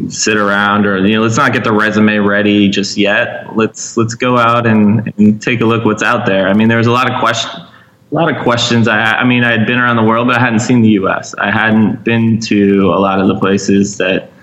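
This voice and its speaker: A man's voice: on the low side, fairly even intonation, moderate pace, a bit bright, dull audio. A man from Vermont, a guest in an interview, talking in a hesitant, thoughtful way with many fillers. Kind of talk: casual interview chat.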